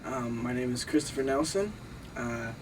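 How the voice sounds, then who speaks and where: A man's voice: mid-range voice, lively intonation, normal speed, distant mic, loud music behind the voice, poor audio. A nineteen-year-old man from Massachusetts who helps produce the recording, speaking in a hesitant, uh-filled way in a documentary interview. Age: young adult. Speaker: bass player and producer.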